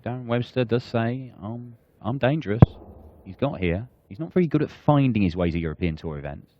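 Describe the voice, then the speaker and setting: A man's voice: mid-range voice, expressive, fairly quick. A man providing live sports commentary as the lead darts commentator. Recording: dull broadcast sound with clear background noise.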